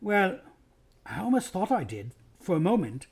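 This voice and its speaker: A man reading aloud, voicing an eager, impulsive boy king who calls out with excitement in a storybook reading. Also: sits high, moderate pace, vocal fry, slightly rough, voice pushed up, heavily acted. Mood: wondering. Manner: shouting with excitement.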